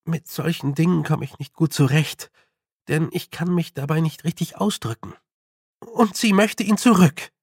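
Man putting on a stubborn young witch girl, firm and direct, raised pitch, gravelly edge, dry close sound. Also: moderate pace, dry recording. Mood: determined.

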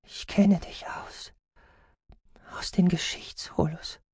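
A man voicing a frail, frightened young woman in an audiobook, in a breathy, halting whisper. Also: pushed and bright, dry recording, clean studio sound, heavily acted. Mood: faint.

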